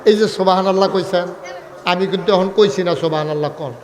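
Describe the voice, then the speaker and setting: A man preaching a waz sermon in colloquial speech, firing questions at the crowd for answers and rising to shouts and chanted lines. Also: sits high, brisk, loud music behind the voice. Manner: calls questions to the crowd for replies; lively, rises to shouts, chants some lines. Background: crowd at an open gathering.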